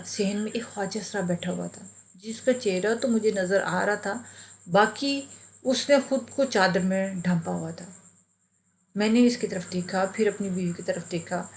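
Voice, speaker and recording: Woman narrating a sad story, earnest. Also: medium pitch. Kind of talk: scripted first-person story narration.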